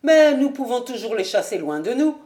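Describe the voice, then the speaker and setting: A woman voicing a boisterous, jovial young nobleman who speaks loudly and bluntly in an audiobook. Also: a little high, very animated, normal speed, voice pushed up. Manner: loud, blustering.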